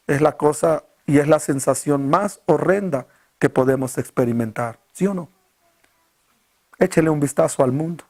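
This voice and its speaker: A male pastor preaching a sermon, firing off rhetorical questions at the congregation and dropping his voice low and quiet to stress key words.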